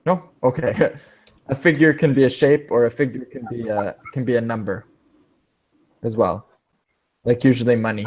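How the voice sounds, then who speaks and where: A man leads an English speaking class. He walks through words slowly and patiently, giving examples, in a voice of ordinary, mid-range pitch. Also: steady tone, a little mellow. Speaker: English teacher. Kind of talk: online language class.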